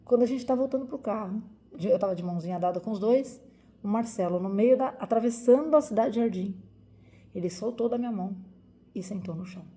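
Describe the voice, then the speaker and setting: A woman's voice: medium pitch, a little fast, dark tone. A woman from Brazil in her forties, a doctor, telling viewers a personal story in an emotional, vivid way with lots of repetition.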